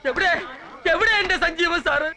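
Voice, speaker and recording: An actor playing an excitable, devoted underling in a comic film scene. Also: male voice, very high voice, racing, crowd noise. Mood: frantic. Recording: loud drum score over voice.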